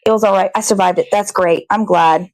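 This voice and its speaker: Talking fast-ish in a steady, slightly mellow mid-range voice, a woman rambles to herself as she cooks, cursing often; she's the host of a daily puppet show. The audio is dry and of low quality.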